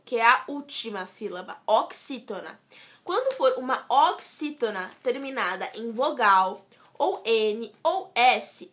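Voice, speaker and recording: A woman's voice: a little high, sharp tone. A woman giving a casual lesson, explaining step by step and checking in with "right?". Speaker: student tutor.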